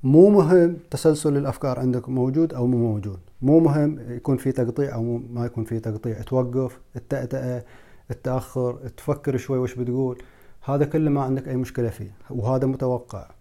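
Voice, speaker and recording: A man's voice: mid-range voice, fairly even intonation, fast talker, warm tone. A young man, coaching on public speaking in a casual video lesson and repeating points for emphasis. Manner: repetitive, emphatic, mixes in English terms.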